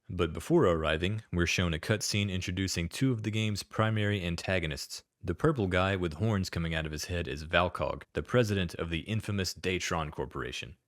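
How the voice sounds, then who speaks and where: A man's voice: low voice, dry recording. A man narrating a scripted video-game retrospective, with dry, sardonic asides.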